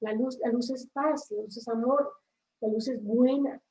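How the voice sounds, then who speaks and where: A woman's voice: fairly high pitch, steady tone, measured pace, mellow, reverberant, far from the mic, rough recording. A woman from a church ministry, reflecting on faith in a casual chat and checking for agreement with tag questions.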